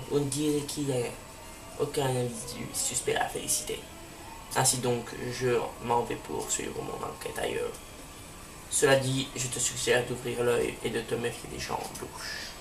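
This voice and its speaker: A man's voice: medium pitch, gravelly, far from the mic. A secretive detective murmurs in a put-on mafia accent, as a man plays him in a video game let's play. The voice sits in a roomy space, well back from the mic, with a faint hiss underneath.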